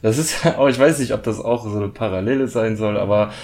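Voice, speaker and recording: A man's voice: on the low side, brisk, a little mellow. A man hosting a casual film discussion, talking in a rambling, hesitant way and laughing at his own jokes.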